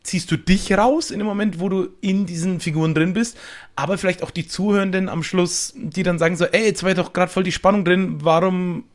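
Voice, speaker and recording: A man with a high, steady voice chats casually on a panel, talking fairly quickly. He explains things in a colloquial way and often repeats words as he goes.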